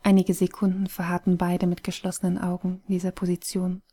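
A woman narrating an audiobook story in a soft, hushed, breathy manner. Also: lowish voice, monotone, brisk.

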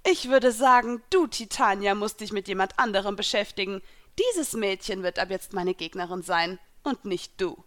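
A woman voicing a mocking young villainess in a fan fiction reading, taunting in a raised, louder voice. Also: lively intonation, unhurried. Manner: taunting, sneering, louder and higher.

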